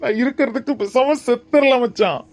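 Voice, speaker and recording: A man performs anxious young men in a homely cartoon. One frets and pleads while the other soothes him. The voice runs high for a man. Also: brisk, close to an everyday voice. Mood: worried. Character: anxious young male friends, fretting. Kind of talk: cartoon voice acting.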